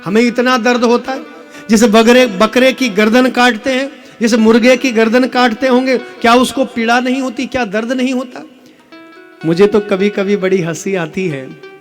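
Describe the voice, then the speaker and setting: A man preaching a devotional sermon with fervour, rising to loud exhortation and acting out quoted figures from scripture. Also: very high-pitched, normal speed, faint music behind. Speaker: religious preacher.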